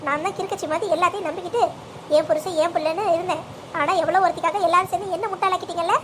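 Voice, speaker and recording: A bitter, accusing mother in a cartoon story, voiced by a woman, very high and quick-spoken. She snaps out conditions and refuses to be calmed. The recording carries steady background noise. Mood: furious. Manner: bitter, accusing, issues demands. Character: furious betrayed mother, middle-aged woman.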